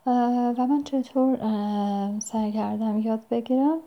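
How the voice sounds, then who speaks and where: A woman sharing advice as a language learner, speaking hesitantly with many pauses and fillers, in politely formal phrasing. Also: fairly high pitch, steady tone. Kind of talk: casual spoken advice. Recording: dull lo-fi recording.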